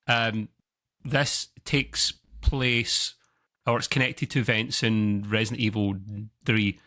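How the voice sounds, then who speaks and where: A man hosts a relaxed gaming podcast, chatting along in an excitable, rambling way. His voice is bright and a touch tense, and it climbs sharply whenever he gets worked up. He sounds like a regular who knows his co-hosts well. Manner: excitable and chatty, jumps up in pitch when enthused. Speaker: podcast host. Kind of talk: casual chat about video games.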